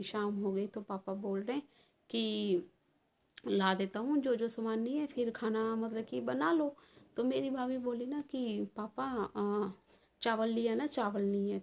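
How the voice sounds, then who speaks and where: Young woman vlogger, slightly high voice, rambling casual storyteller with lots of fillers. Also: creaky, darkish tone. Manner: rambling with many fillers and restarts.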